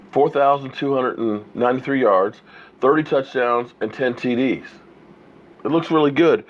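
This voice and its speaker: Sick with a cold, a sports show host argues emphatically on his livestream, rattling off rhetorical questions. He has a mid-range, fairly bright voice, though the recording itself comes across dull.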